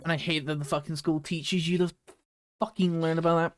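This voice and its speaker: A woman's voice: deep voice, fairly even intonation, a little fast, a little hiss or hum. A woman in a casual stream chat, blunt and swearing freely. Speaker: streaming guest.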